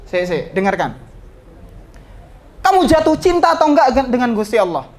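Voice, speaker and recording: Male ustadz, lively classroom sermon, loud exhortations mixed with jokes. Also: extremely high pitch, moderate pace. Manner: swings between shouting and soft asides, teasing jokes. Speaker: ustadz teaching students. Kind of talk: lively religious talk to students.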